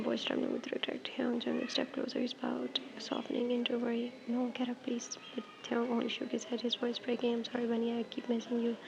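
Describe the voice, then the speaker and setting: A woman reading a romance fan fiction aloud, soft and slipping into whispers, with small stumbles and restarts. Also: fairly high pitch, gravelly, lo-fi sound, noisy background. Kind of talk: storytime narration.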